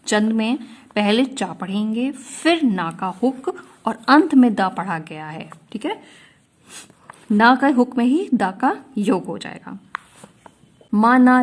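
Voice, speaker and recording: A woman teaching a shorthand class, explaining each rule step by step and often checking that her students follow. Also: medium pitch. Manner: slow, patient, often checks in with "ठीक है?".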